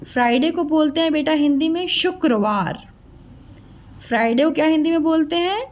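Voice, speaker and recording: A woman teaching children, slowly spelling words out letter by letter in a sing-song way. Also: sits high. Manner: slow, sing-song letter-by-letter spelling, addresses kids as beta.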